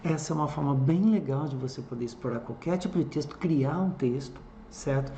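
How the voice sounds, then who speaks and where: A man's voice: a little high, fairly quick, warm tone, highs cut off. A man, an English teacher, narrating a screen-recorded tutorial, explaining step by step and checking in with the listener often. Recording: echoey room with faint background noise.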